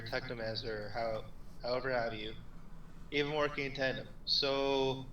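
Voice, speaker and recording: Bright-voiced man playing a tabletop game. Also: mid-range voice, a little hiss or hum, low-quality recording. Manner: hesitant, with fillers and restarts. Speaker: player. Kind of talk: in-character tabletop play.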